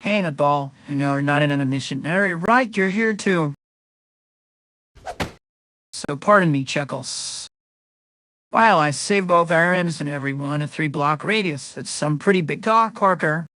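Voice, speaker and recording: A man's voice: on the high side, measured pace, bright, forceful tone. A man playing a young, earnest, wisecracking superhero in a comic dub, quippy and urgent. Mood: cocky, quippy. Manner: quippy, urgent, self-narrating.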